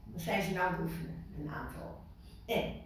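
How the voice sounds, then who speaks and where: A woman giving an informal sermon to a small group, lively and full of questions to her listeners, repeating words for emphasis. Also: on the low side, fairly quick. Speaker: preacher. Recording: echoey room from far off, faint noise.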